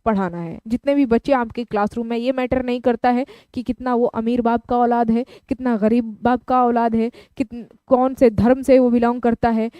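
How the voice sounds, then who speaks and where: Woman teacher going over exam stuff, kinda high voice but mellow, smooth, dry close sound. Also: fairly even intonation, moderate pace, few pauses, no echo. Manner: explanatory, repeats terms in several languages. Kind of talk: exam-prep lecture.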